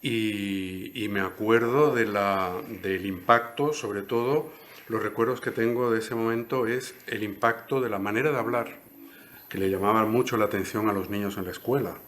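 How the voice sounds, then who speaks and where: A Cuban poet in his sixties answers interview questions thoughtfully as a guest, often finishing phrases with a questioning "¿no?" His voice is fairly low and a bit bright, with a steady tone and moderate pace, and a little hiss or hum runs under the recording.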